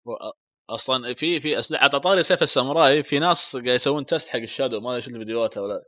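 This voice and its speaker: Rapid-fire bright man. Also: medium pitch, dry recording, studio quality. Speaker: podcast co-host. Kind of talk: casual gaming podcast chat.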